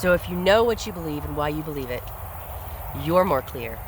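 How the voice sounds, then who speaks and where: Man, solo commentary, earnest and reflective, fairly high pitch, light background noise. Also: lively intonation, fairly quick. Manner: earnest, reflective, repeats words while thinking. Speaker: podcast host.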